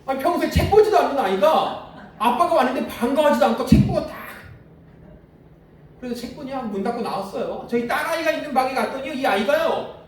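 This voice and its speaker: A male pastor with an extremely high-pitched, animated voice preaches fairly quickly, questioning the congregation and weaving in stories from home. The sermon is recorded from a distance in an echoey church hall, with a little hiss or hum.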